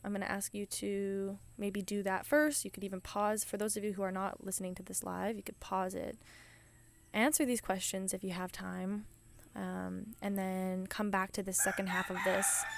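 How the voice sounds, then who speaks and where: A woman's voice: mid-range voice, a little hiss or hum. A woman hosting a podcast, giving an enthusiastic, encouraging motivational talk in a chatty way, often restarting her sentences. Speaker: podcast host.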